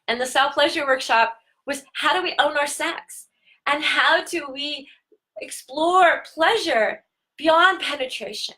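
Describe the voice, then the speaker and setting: Woman tantra host, live talk, earnest and unhurried, stretches key words, high voice. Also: pushed and bright.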